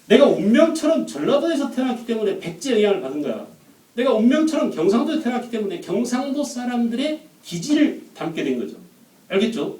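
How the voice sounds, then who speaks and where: Echoey high-voiced male history lecturer. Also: mellow. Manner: questions the class and acts out quotes. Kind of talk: classroom lecture. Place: lecture room. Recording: echoey room, mic at a distance.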